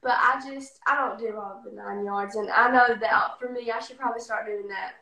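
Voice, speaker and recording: A woman's voice: fairly high pitch, steady tone, moderate pace, creaky, bright, forceful tone. A female singer, a guest on a podcast, sounding stuffy and congested and talking in a breezy, giggly way. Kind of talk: casual interview chat. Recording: roomy, distant from the mic.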